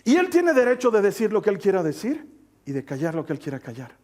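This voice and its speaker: Male pastor, high voice, sermon delivery, animated storyteller who shifts between loud and soft. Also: fast talker. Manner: asks the congregation to read scripture aloud with him.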